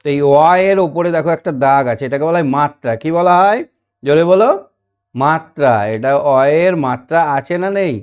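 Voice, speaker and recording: A man's voice: on the high side, fairly quick, darkish tone, smooth. Sing-song male teacher coaxing small kids. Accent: Bengali (West Bengal). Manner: sing-song, coaxing, asks children to repeat. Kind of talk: children's reading lesson.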